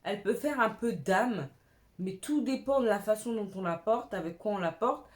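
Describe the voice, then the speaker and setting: Here a young fashion vlogger enthusiastically presents thrifted clothes in a casual haul chat, tossing in slang. She talks at normal speed in a medium-pitched, expressive voice.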